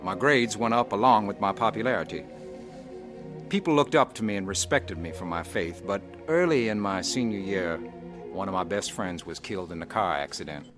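Actor as a low-voiced man recalling wayward youth. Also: animated, normal speed, over music, lightly acted. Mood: reflective. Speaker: narrator. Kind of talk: scripted first-person testimony narration in a radio drama.

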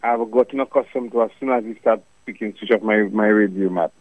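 A man's voice: lowish voice, fairly quick, no echo. A man calling in to a radio show, chatty and rambling. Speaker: caller. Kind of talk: casual call-in chat. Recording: dry tinny phone line.

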